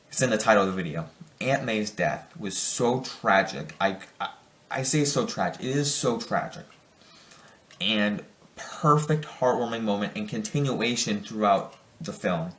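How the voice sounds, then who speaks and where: A man's voice: lowish voice, a bit bright, roomy sound. A young man giving a casual spoiler review of a film, rambling and enthusiastic, often restarting his sentences. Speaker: movie reviewer.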